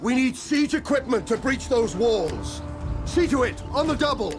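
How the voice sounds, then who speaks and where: A man playing a fierce Roman army officer in a video game, giving forceful, theatrical battle orders. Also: very high-pitched, big pitch swings, moderate pace, music in the background. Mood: urgent commanding.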